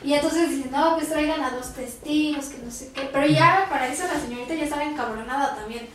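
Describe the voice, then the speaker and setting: High-voiced Mexican woman telling stories. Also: brisk. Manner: animated, acts out quoted voices. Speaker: podcast co-host. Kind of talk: casual storytelling chat. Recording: roomy, distant mic, noisy background.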